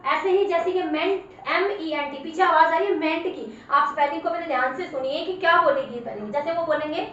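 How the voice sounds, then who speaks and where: A woman teaching English spelling, who patiently spells each word out letter by letter, draws words out slowly and repeats them. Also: sits high, fairly bright tone, slight background noise. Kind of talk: spoken spelling lesson. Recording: very echoey room, far from mic, dull sound.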